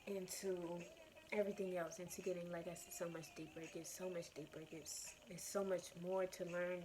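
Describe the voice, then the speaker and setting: A woman host giving a casual, reflective monologue to her followers, earnest and meandering, circling back over her phrases in a creaky voice. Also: on the low side, dark tone, slight background noise, rough recording. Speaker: spiritual self-love podcast or vlog host.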